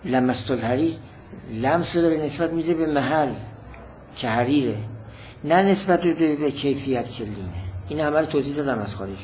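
A man's voice: a little high, expressive, a little mellow, a little hiss or hum, rough recording. A man teaching a religious-philosophy text lesson, reading Arabic phrases and explaining them patiently, often repeating definitions.

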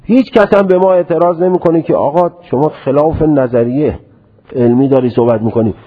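Man lecturing over a tinny radio line. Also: fairly high pitch. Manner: deliberate, reasoning, often stresses and repeats his point. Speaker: religious scholar lecturing. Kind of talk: religious lecture.

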